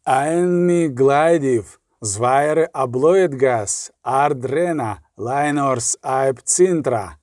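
A man voicing a burly island jarl who speaks low and subdued, then swears a slow, solemn oath. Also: darkish tone, no room sound, clean studio sound.

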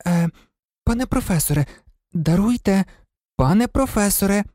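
An audiobook reader voicing an earnest know-it-all teenage girl who talks quickly and insistently. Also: mid-range voice, expressive, darkish tone, no echo, studio quality, voice pushed up, close to an everyday voice. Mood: timid. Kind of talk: audiobook character reading.

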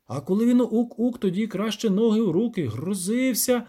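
Чоловік грає метушливого селянина з високим голосом. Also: male voice, high-pitched, lively intonation, normal speed, mellow, breathy edge, voice pushed up. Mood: anxious, rambling. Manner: folksy, rambling. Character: nervous rustic peasant man, talkative.

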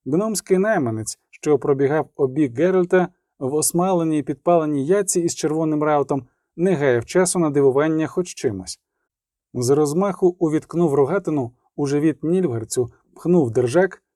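A man narrating a fantasy battle audiobook in a steady, measured storytelling voice. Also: on the high side, no room sound, clean studio sound.

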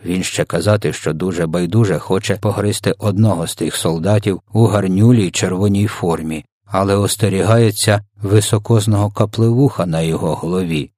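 A man voicing a big, kind old giant who talks slowly and mangles his words. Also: low voice, darkish tone, dry recording, studio quality. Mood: gentle, stubborn.

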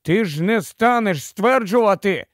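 A man reading the part of a bold, enthusiastic young king in a storybook, speaking with excitement. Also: high voice, a little slow, no echo, clean studio sound, voice pushed up. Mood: excited.

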